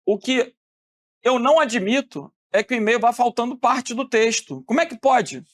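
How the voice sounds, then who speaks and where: A man from Rio de teaching a lively classroom lecture, asking the students questions and answering them himself. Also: very high voice, moderate pace. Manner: animated, asks questions and answers them, acts out phone calls.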